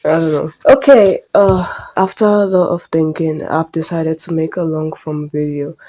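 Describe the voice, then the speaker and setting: A woman's voice: sits low, steady tone, moderate pace. A Nigerian teenage girl with a Nigerian accent, telling a casual storytime vlog in a rambling, hesitant way. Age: late teens. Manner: rambling and hesitant, often trailing off quietly. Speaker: vlogger.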